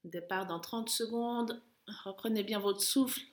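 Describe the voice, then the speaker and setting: A woman working as a running coach, guiding an interval session with urging, encouraging calls and countdowns in a creaky voice. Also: mid-range voice, a little slow. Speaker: running coach and podcast host. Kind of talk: guided interval-training coaching. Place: at home, indoors.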